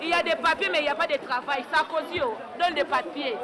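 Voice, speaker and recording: High-pitched, insistent woman, loud crowd all around. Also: fast talker. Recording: far from the mic in a loud crowd.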